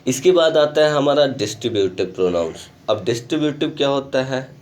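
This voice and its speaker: A male school teacher giving a recorded online grammar lesson, explaining patiently and mixing English terms into his explanations, often pausing to check in with the class. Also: medium pitch, lively intonation, darkish tone. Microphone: screen recording.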